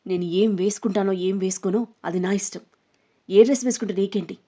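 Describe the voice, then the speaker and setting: A woman's voice: on the low side, flat delivery, quick pace, slightly rough. Woman voicing a scared, defiant young woman. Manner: sharp, shouting, pleading. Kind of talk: storybook narration.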